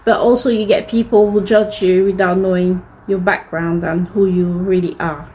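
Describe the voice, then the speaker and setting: A woman in her thirties, a native French speaker, talks straight to the camera about her own life. Her voice sits at a middling pitch, and her delivery is earnest, candid and heartfelt, like a personal video diary. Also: a little mellow, a little hiss or hum, poor audio. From DR Congo. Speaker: fashion designer telling her life story.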